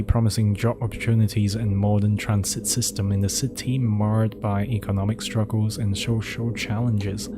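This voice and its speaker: A low-voiced streamer whose first language is Cantonese plays a horror game, reading documents aloud, then skipping ahead with asides and answering chat questions. Game music and background noise are audible behind him.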